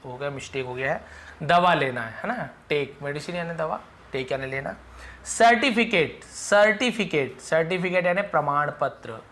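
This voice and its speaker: A man teaching English vocabulary to Hindi speakers, calling out each word loudly and then explaining its meaning more quietly and patiently, with repetition. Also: fairly high pitch. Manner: patient, repeats the meaning several times.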